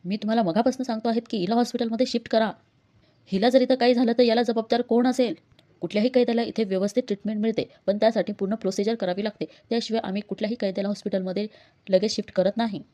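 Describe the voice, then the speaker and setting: A woman's voice: a little high, steady tone, racing, warm tone, pitched above the performer's own voice, natural voice. A woman voicing a stern, rule-bound jail official, read in her own voice.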